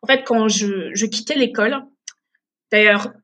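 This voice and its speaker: A woman's voice: mid-range voice, unhurried, fairly bright tone. Hesitant woman in her late twenties. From Togo, raised in Benin. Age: late 20s. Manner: hesitant, many fillers and restarts. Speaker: guest. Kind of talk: casual podcast interview.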